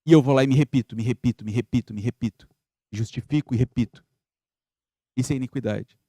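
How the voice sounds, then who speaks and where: A man's voice: medium pitch, quick pace, mellow, no room sound. A man giving an earnest, reflective spiritist lecture, posing rhetorical questions to his audience. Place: spiritist center lecture hall.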